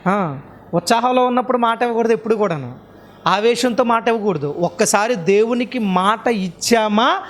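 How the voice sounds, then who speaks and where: A man's voice: high-pitched, expressive, moderate pace, fairly bright tone. A male preacher giving a sermon to a congregation in a church, firing repeated rhetorical questions and urging the listeners to answer aloud. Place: church hall.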